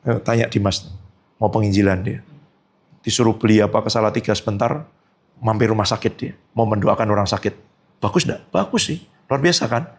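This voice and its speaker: A male pastor preaching a sermon at a church service, lively and colloquial, often jumping high in pitch and acting out quotes. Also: a little fast, breathy edge. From Indonesia. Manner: colloquial, frequent tag phrases.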